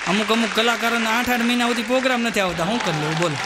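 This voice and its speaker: A man performs stand-up comedy, his voice sitting very high. He trades jokes and slow sung verses in a live show recording. An audience and steady noise are heard behind him. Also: a loud crowd. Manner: storytelling jokes, sings verses slowly.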